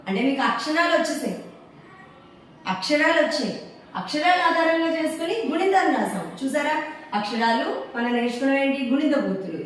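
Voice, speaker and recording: High-voiced teacher woman in echoey room. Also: far from the mic, a little hiss or hum. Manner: slow repetitive drilling, asks and answers own questions. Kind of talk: teaching Telugu letter signs to children. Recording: very echoey room, voice away from the mic.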